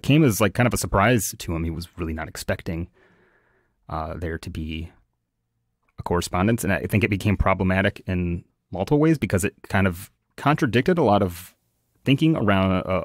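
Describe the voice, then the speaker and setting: A man's voice: low voice, dry recording, clean studio sound. A man talking as an astrologer co-host in a casual podcast chat, hesitant, full of fillers and restarts.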